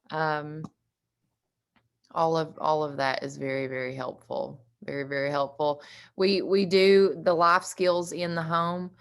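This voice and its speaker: Woman, low register, Southern US accent and drawl, earnest program director presenting informally. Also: a bit bright. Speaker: recovery housing program director. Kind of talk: informal presentation on an online meeting.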